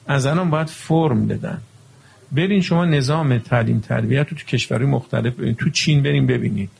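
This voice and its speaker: A man's voice: mid-range voice, vocal fry, a little mellow, slightly rough. A male preacher giving a religious lecture, emphatic and full of rhetorical questions to his audience.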